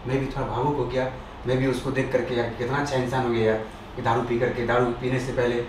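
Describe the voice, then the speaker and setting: A man's voice: mid-range voice, level tone, fast, background noise. Rambling young storyteller man, echoey. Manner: rambling, self-correcting, acts out dialogue. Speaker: stand-up comedian. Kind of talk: storytelling stand-up. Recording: echoey room, mic far off.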